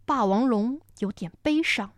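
A woman telling a children's story with sound effects and dramatic pauses. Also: on the high side, no echo, clean studio sound.

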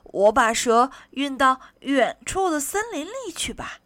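A woman voicing a kindly old uncle turtle who speaks calmly and gratefully in a storybook. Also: high-pitched, measured pace, no echo, heavily acted.

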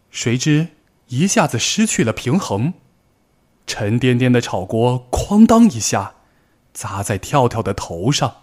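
A man reading a children's picture book aloud, slowly and clearly, as a storyteller for young listeners. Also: mid-range voice, darkish tone. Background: faint background music.

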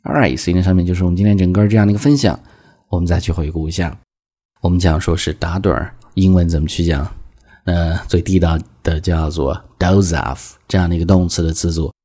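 A man teaching an English vocabulary lesson in Chinese, explaining each word step by step and reading the examples slowly. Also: deep voice, warm tone.

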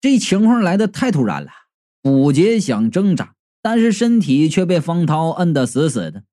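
A man narrating a comedic novel in the first person, telling the story in a lively, expressive way. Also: fairly high pitch, moderate pace. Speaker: audiobook narrator.

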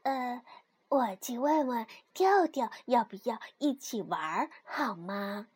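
A woman voicing a gentle little rabbit who speaks softly and hesitantly. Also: on the high side, expressive, takes it slowly, husky, heavily acted. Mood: timid.

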